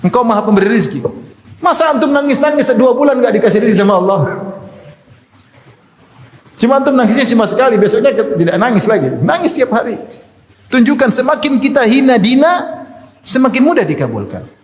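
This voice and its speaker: Man, preacher, high voice, joking, hall echo. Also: fairly quick, pauses often. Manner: lively and joking, acts out prayers. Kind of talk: sermon. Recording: echoey hall.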